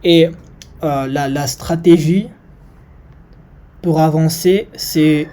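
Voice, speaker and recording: A non-native French speaker with a foreign accent gives an informal maths lesson, haltingly searching for words. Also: mid-range voice, mellow. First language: not French. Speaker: maths video presenter.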